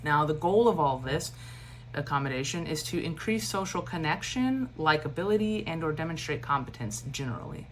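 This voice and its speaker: Lady teacher w a low voice doing an online lecture, steady cadence, bit of hum in the background. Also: a little fast. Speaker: instructor. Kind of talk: lecture for a recorded online class.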